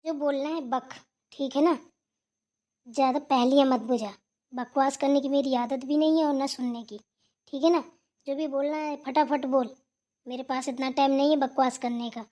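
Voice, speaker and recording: A woman's voice: sits high, fairly even intonation, moderate pace, mellow, close to an everyday voice. A woman voicing a rude, lazy younger sister-in-law in a cartoon, who snaps bluntly and keeps asking "right?". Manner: blunt, scolding, repeats "theek hai na". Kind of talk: cartoon voice acting.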